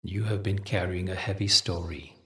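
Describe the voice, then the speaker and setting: A deep-voiced man teaches a guided meditation, narrating spiritual stories with a steady, gentle, soothing tone and measured, deliberately paused delivery. The microphone is far off.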